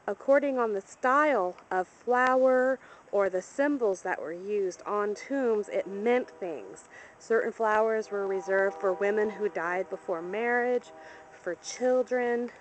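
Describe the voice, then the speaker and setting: A woman's voice: medium pitch, slight background noise, low-quality recording. A woman narrating a guided tour as she walks outdoors through a cemetery, recorded on a handheld camera. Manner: informative, walking and pointing things out. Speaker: travel vlogger. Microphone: handheld camera mic.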